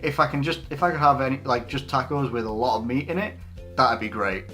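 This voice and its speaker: In his twenties and from England, this YouTuber fields viewer questions in a loose, unscripted Q&A, rambling with lots of fillers and restarts. His mid-range voice is brisk, bright, and forceful, with soft music playing behind him.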